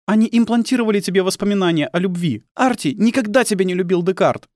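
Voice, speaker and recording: Man doing a cold bitter wife, grieving mother, icy and accusing, raised pitch, dry close sound. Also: animated, fast talker, a little mellow, no room sound.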